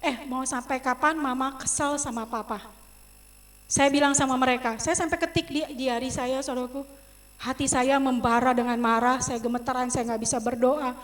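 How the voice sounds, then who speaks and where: A middle-aged woman preaching a personal testimony in a church service, swinging from loud emotional outbursts to soft asides as she addresses the congregation. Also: high-pitched, steady tone, normal speed. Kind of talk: sermon testimony.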